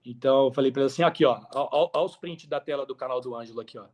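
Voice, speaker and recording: He has a medium-pitched, darkish voice and races along. As a podcast guest, this Brazilian affiliate marketer tells his story informally, with plenty of slang, a sprawling style and repetition for emphasis.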